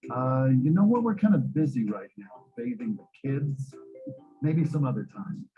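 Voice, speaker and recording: Brief: man playing a homeowner on a doorbell speaker, tinny and distant, lively pitch. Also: normal speed. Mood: evasive. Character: male homeowner answering the door remotely. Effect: heard through a doorbell speaker. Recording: tinny, distant, with music behind.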